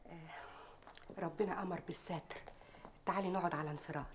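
An actress playing a bold, sharp-tongued working-class maid who speaks Egyptian Arabic, full of proverbs and mockery. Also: female voice, fairly low pitch, steady tone, brisk, crowd noise, close to an everyday voice. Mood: sly, wheedling. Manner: proverb-heavy, mocking, loud when riled. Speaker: maid confronting a rich wife.

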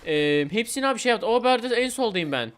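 A young man giving excited gameplay commentary as a gaming YouTuber, repeating words rapidly. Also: high voice, smooth.

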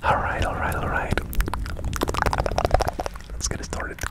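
Young man in a slow ASMR whisper. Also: poor audio. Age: 20s. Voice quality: breathy, unvoiced whisper. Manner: slow, repeats words softly. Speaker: ASMR video creator. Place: inside a parked car. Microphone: handheld mic with fluffy windscreen, held close to mouth.

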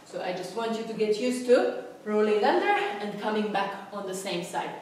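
A woman's voice: medium pitch, very animated, moderate pace. A young woman coaching boxing in short instructional bursts while punching a heavy bag in a gym. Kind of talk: instructional demonstration. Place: large boxing gym, indoors. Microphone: distant camera. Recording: very echoey gym, distant mic, faint noise.

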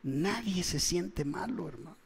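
A man with a Mexican accent preaching a sermon in a church, impassioned and calling out to his listeners, swinging between loud and hushed. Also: sits high, lively intonation, measured pace, creaky, breathy edge.

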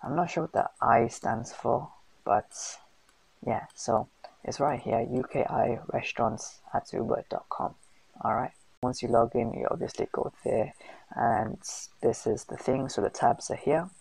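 A man's voice: medium pitch, expressive, a little slow, creaky, a little mellow, slightly rough, poor audio. A man hosting a casual screen-recorded tutorial, chatty and full of fillers and slang. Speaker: host of a food business channel.

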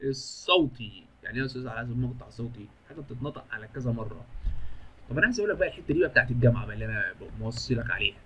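Fast, bright-voiced Egyptian man teaching. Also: mid-range voice. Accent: Egyptian Arabic. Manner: chatty, jokey, asks and answers his own questions. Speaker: English teacher. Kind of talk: lively classroom-style grammar lesson.

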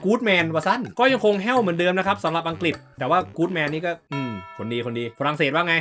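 High bright-voiced guy hyped up commentating a football game, cursing, chatting to viewers, faint music behind. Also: a little fast. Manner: excitable, swears, talks to viewers. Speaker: gaming YouTuber. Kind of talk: casual gameplay commentary.

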